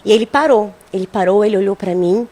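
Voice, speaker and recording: A woman's voice: medium pitch, quick pace, dark tone. Earnest woman telling a story. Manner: earnest, reflective storytelling with frequent tag questions. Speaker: radio show participant on parenting. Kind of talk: conversational radio talk.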